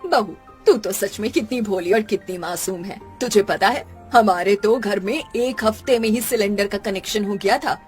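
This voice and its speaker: A woman voicing a scheming, gossiping aunt in an animated cartoon, speaking in a sly, coaxing tone. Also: medium pitch, normal speed, soft background music, close to an everyday voice.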